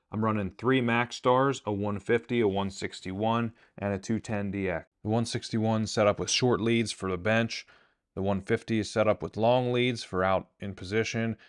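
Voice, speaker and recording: A man's voice: on the low side, clean tone. A man in his thirties, a traveling TIG welder, walking through his workshop tools in a plain, practical way, filmed on a handheld camera. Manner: plain practical explaining, matter-of-fact. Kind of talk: shop tool-tour walkthrough. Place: indoor workshop.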